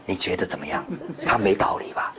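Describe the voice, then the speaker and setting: A man's voice: low voice, racing, over a noisy crowd, pitched below the performer's own voice, natural voice. A man muttering as a gossipy coworker. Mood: conspiratorial. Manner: hushed, conspiratorial muttering. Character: whispering gossipy male coworker grumbling about the boss. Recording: dull lo-fi recording.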